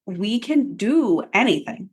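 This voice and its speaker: Woman co-host, casual reflective chat, mid pitch, plenty of fillers. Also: expressive, slow, breathy edge. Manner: reflective, many ums and you-knows. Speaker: podcast co-host.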